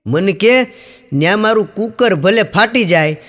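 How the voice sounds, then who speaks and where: High-voiced man telling jokes in a hall. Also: lively intonation, measured pace, fairly bright tone. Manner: storytelling, acting out quoted characters with raised pitch. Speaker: stand-up comedian. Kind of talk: Gujarati joke telling to an audience. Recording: long hall reverb.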